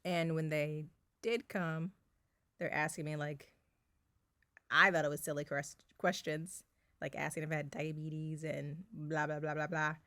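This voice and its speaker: Low creaky-voiced woman telling a story. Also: little pitch movement, measured pace, bright, forceful tone, dry recording. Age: 30s. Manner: chatty, frequent fillers and laughs. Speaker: vlogger. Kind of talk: casual personal storytelling. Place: bedroom at home.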